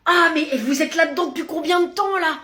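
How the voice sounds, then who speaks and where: A woman's voice: extremely high pitch, a little fast, a crowd in the background. A woman acting out comic sketches in an exaggerated, exclamatory way.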